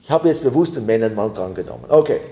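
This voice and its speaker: A man preaching a sermon in a slow, emphatic way, his voice climbing with fervor at times. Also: mid-range voice, animated, dark tone, reverberant.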